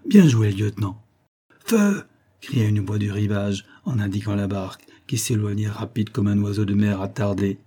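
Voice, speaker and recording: A man narrating a novel as an audiobook in a measured, dramatic reading. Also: fairly low pitch, level tone, dark tone, husky. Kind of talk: scripted narration.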